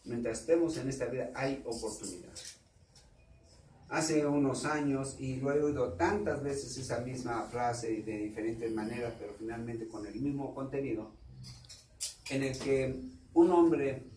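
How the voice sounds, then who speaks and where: Mexican spanish accented male pastor preaching slow, rhetorical questions, roomy echo, faint noise. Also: medium pitch. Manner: slow, repetitive preaching with rhetorical questions and sudden loud emphasis. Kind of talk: sermon. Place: church. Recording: echoey room, distant mic, faint background noise.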